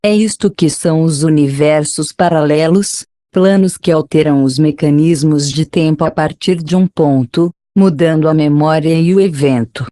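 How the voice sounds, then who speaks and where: A narrator reading a script in a soothing, measured, instructional way, like a guided meditation at a spa. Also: mid-range voice, dark tone, dry recording, studio quality.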